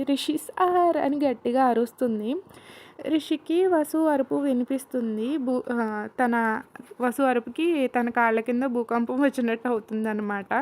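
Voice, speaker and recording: A young woman telling a romance story in a chatty, easygoing way. Her voice is high, and she speaks as if talking to a friend. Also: a little mellow. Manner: chatty, with fillers and restarts. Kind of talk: casual storytelling of a fan-made romance.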